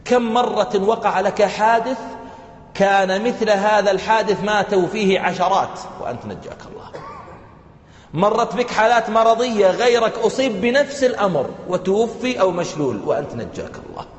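A man's voice: high voice, expressive, brisk. A man with a Gulf Arabic accent giving a live sermon as a preacher and counselor, talking in a conversational way with rhetorical questions. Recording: echoey hall.

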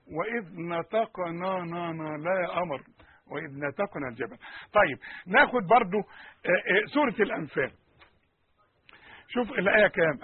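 A man with an Egyptian Arabic accent teaching Quranic pronunciation, repeating sounds and questioning his listeners in an animated way. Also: high voice, breathy edge, dry recording, phone-quality sound.

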